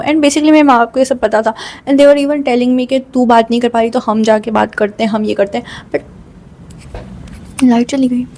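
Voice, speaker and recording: A woman's voice: fairly high pitch, darkish tone. A young woman casually telling a personal story to camera, chatty and full of fillers. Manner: chatty, mixes English into her speech, many fillers. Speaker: vlogger.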